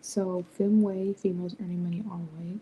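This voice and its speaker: A young woman hosting a late-night livestream, speaking softly and half whispering so she won't wake the house. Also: on the low side, flat delivery, normal speed, a little hiss or hum, low-quality recording. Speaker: livestream host, business founder. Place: home at night, others asleep.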